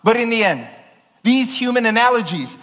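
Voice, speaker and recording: A man preaching a sermon as a pastor, impassioned and emphatic, loud enough that he apologizes for sounding like he is yelling. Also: very high-pitched, big pitch swings, normal speed, big-room sound.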